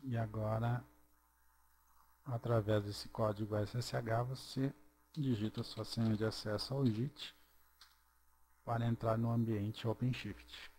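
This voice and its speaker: Slow, mellow man explaining step by step. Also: fairly low pitch, steady tone. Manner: slow, step-by-step, checks in with "ok?" and "certo?". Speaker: programming tutorial presenter. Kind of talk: screencast tutorial narration.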